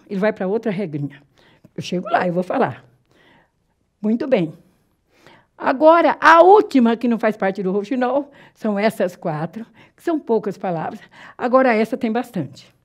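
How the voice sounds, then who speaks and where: A Brazilian woman teaching Portuguese grammar in a classroom lecture, explaining step by step, checking that the class follows, and slowly drawing out example words. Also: fairly high pitch, darkish tone. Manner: drawn-out, slow spelling of example words.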